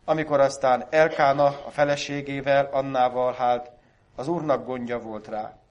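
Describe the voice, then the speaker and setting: A man reading a Bible passage aloud at a church service in a measured, solemn way. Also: mid-range voice, steady tone, highs cut off. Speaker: scripture reader in church service.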